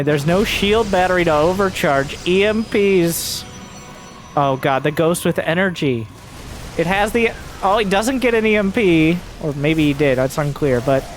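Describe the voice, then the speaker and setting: A man giving live play-by-play commentary on a video game match, exclaiming animatedly as play turns. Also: a little high. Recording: music behind the voice. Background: music.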